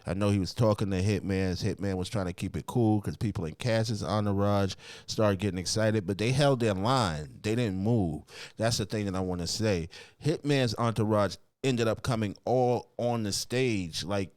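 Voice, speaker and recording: A man's voice: fairly low pitch, normal speed, a little mellow, no echo. A man hosting a casual event recap, talking informally in street slang and rambling through his retelling. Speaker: host, event commentator.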